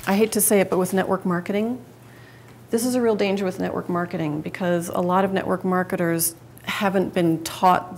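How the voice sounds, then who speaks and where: A woman's voice: on the low side, gravelly, darkish tone, a little hiss or hum. A woman giving a live public speaking talk to an audience, chatty and conversational, often restarting and correcting herself mid-sentence.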